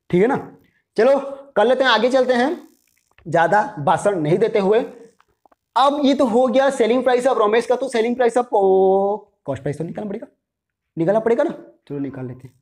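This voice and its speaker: A man's voice: high-pitched, animated, normal speed, darkish tone. A man teaches a commerce math lesson in a chatty, friendly way. He keeps checking in with short tag questions and coaxes his students to call out their answers. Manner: chatty, repeats "theek hai", coaxes viewers to answer aloud.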